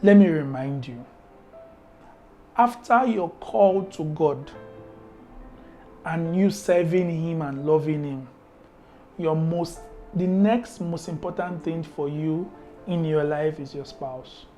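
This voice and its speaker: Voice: medium pitch, slow pace, long pauses, mellow, faint music behind. Emphatic marriage-advice podcast host. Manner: emphatic, repeats key words; strings of rhetorical questions. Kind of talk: faith-based marriage advice talk.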